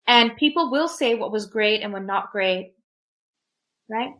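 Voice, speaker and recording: With a medium-pitched, sharp-toned voice, this woman speaks a little slowly. A technologist guesting on a podcast, she grew up speaking Urdu and talks reflectively and emphatically through personal stories and advice, often adding "right?".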